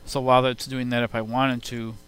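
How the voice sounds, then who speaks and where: A man's voice: medium pitch, level tone, brisk, fairly bright tone, clean tone, no room sound. A man giving an informal, step-by-step spoken demo in an explanatory way. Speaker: software demonstrator. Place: recorded on a computer sound card. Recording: hissy home computer sound-card input.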